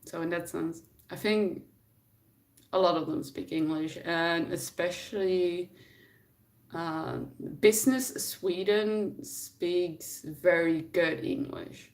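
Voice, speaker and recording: A native Dutch speaker from the Netherlands chats casually on a live stream, thinking aloud as she reads and answers viewers' questions. Her voice is on the low side and steady, she takes it slowly, and she sounds recorded from a distance.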